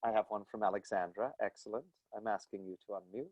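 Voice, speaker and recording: Fast-talking, with a lowish, slightly mellow voice and fairly even intonation, a man in his thirties teaches a live acting lecture and Q&A online. He is in a small room at home on a video call with an earphone headset mic, and the audio is dull with no room sound. He speaks thoughtfully with many restarts and fillers, gesturing as he explains.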